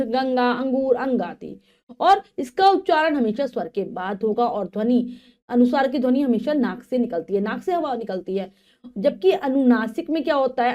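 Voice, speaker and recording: A woman teaching a grammar lesson to children. She reads out definitions, re-explains them in simple words, and spells out letters and examples slowly. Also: high voice, warm tone. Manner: slow, drawn-out recitation of letters and examples.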